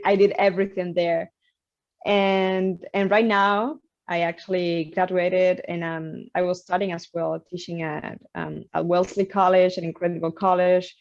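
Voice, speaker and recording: Young cuban woman, lowish voice, dull lo-fi sound, lots of ums. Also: a little mellow. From Cuba. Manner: thoughtful, many fillers and restarts. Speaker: guest musician. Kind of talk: casual interview.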